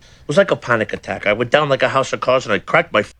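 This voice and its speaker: An actor playing a middle-aged mob boss, plain-spoken and guarded, in a television crime drama. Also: male voice, medium pitch, expressive, quick pace, pushed and bright. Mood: subdued.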